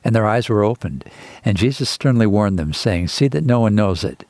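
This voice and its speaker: Lowish-voiced man asking and reading. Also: normal speed, no echo. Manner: inquisitive, steady reading. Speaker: podcast co-host. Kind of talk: conversation and scripture reading.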